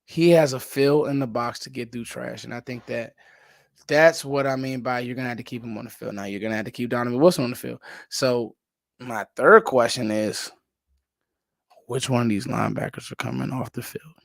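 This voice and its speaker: A man hosts his own football show, talking through game film with casual animation. His voice has a gravelly, fried texture. The sound is dry and close, with no room behind it. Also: mid-range voice, fairly quick, no room sound. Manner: animated, drops to a whisper at times. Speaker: sports podcast host.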